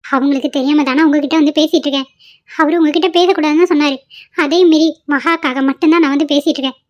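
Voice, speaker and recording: A woman's voice: high-pitched, steady tone, quick pace, lo-fi sound, close to an everyday voice. A woman playing an indignant young wife. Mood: reproachful. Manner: indignant, reproachful. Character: young wife scolding her brother-in-law.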